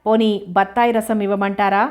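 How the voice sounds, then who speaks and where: A woman narrator voicing a shy young woman who nurses the sick with soft, caring words. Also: mid-range voice, little pitch movement, normal speed, lightly acted.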